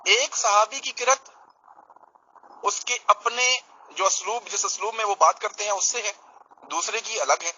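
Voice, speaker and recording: A man from Pakistan walks through his argument in a religious debate, checking in with his listener as he goes. His voice sits high and slightly husky, with a very bright, cutting edge. The recording is dull and lo-fi. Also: pauses often. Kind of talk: explanatory debate talk.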